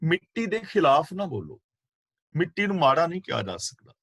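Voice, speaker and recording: A man giving a scripture exposition class on a video call, explaining patiently and repeating key words in a measured way. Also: fairly high pitch, big pitch swings, fairly bright tone, slightly rough, no room sound. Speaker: Sikh scripture teacher. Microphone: video call microphone.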